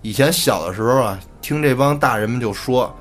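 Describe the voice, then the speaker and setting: A man hosting a podcast and telling a spooky tale in a colloquial, relaxed way. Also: medium pitch, a little fast. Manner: colloquial, relaxed, casual swearing. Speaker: podcast host. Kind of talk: storytelling narration.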